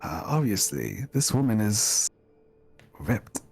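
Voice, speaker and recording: Man playing a formal, awkward gentleman, animated pitch. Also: slow pace, vocal fry, loud music behind the voice, heavily acted. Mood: awkward, courteous. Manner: formal, hesitant, courteous phrasing. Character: polite, awkward lordly man with childhood toy companion.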